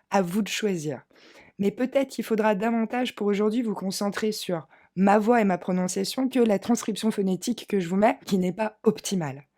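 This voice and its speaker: A woman teaching an English pronunciation lesson, drilling words slowly for learners to repeat. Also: medium pitch, mellow.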